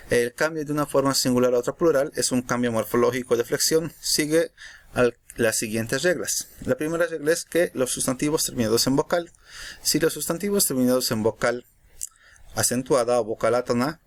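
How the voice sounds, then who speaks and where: Man, teacher, recorded grammar lesson, measured explanatory delivery, middle pitch.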